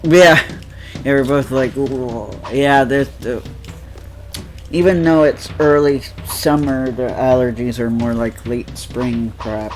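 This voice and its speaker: Over faint background music, a nasal-voiced man of medium pitch speaks slowly. Co-hosting a let's play, he chats loosely while playing the game, full of laughs and filler words as he rambles.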